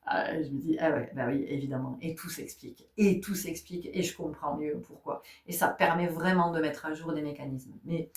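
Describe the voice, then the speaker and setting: A chatty woman vlogging in a relaxed, storytelling way. She often stops to restart her sentences. Her voice sounds distant and carries a roomy echo. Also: low voice, a little fast, few pauses. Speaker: spiritual guide and vlogger. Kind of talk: casual chat.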